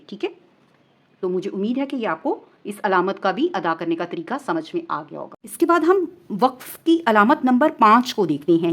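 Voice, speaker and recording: A woman teacher explaining the stop marks of Quran recitation step by step, often checking that her listeners follow and reciting verses slowly. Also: on the low side. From Pakistan. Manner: patient explaining, asks "ٹھیک ہے؟" often. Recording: muffled lo-fi recording.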